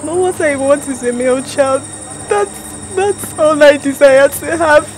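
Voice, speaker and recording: Anxious nigerian queen, high pleading voice, film drama, soft music under it. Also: measured pace, low-quality recording. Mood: confused, insistent. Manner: plaintive, pleading.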